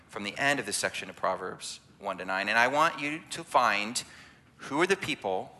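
A man's voice: medium pitch, bright, forceful tone. A man leading a church sermon as families ministry director, preaching conversationally and often asking "right?" to draw in listeners. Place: church sanctuary.

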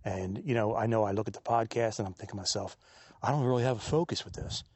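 A man hosting a podcast, musing aloud in a soft-spoken reflective monologue while walking a quiet wooded trail, captured on a handheld digital recorder without a windscreen. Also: on the low side, fast talker, slightly rough, dry recording. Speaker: podcast host. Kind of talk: reflective solo monologue on a walk. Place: outdoors on a quiet wooded trail in a state park.

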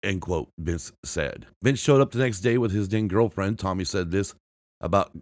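A man's voice: low voice, moderate pace, dry recording. A man hosting a podcast, reading music history aloud from a script, often stumbling and restarting words and marking quotes with "and I quote". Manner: reads from a script with frequent restarts and self-corrections. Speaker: podcast host.

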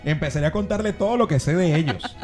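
A man's voice: on the high side, quick pace, music in the background. A man co-hosting a casual live-stream chat, teasing his partner with jokey banter. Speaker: co-host.

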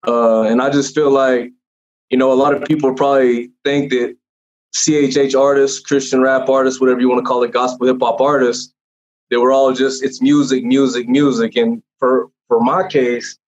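A man's voice: mid-range voice, a little mellow. Man, young adult, earnest and rambling, testimony, muffled lo-fi recording. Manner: earnest, rambling, with many fillers and restarts. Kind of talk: personal testimony in casual conversation. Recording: dull lo-fi sound.

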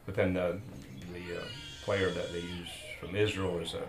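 As a podcast guest, a man of roughly seventy, Peruvian-born and Bolivian-raised, rambles casually through stories, often trailing off and starting thoughts over. He speaks at a normal speed in a low voice with little pitch movement. Music plays in the background of a roomy recording with faint noise.

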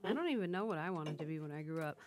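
A woman's voice: deep voice, animated, very fast. A woman hosting a casual podcast, telling stories animatedly and swearing casually. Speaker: podcast host.

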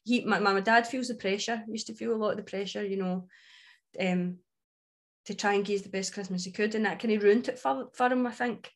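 A woman's voice: mid-range voice, fairly even intonation, brisk. Broad Scottish woman, chatty storyteller. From Scotland. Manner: broad Scots speech, informal and candid. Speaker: book club podcast co-host. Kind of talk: casual chat, personal storytelling.

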